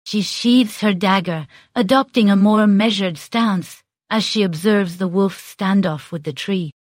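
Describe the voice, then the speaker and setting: A woman's voice: medium pitch, measured pace, no echo. Woman reading role-play narration, dry. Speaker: player narrating her character.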